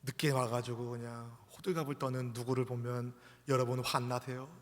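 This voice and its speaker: A male pastor preaching a sermon in an animated way, often asking the congregation questions. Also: mid-range voice, moderate pace. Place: church sanctuary. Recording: echoey church hall.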